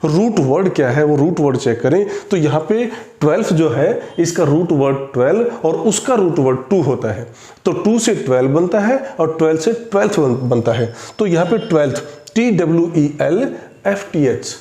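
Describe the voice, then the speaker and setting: A man's voice: on the high side, animated, dark tone. Man teaching spelling, echoey room. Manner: spells words out letter by letter, slow and deliberate. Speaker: English teacher. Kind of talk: classroom spelling lesson.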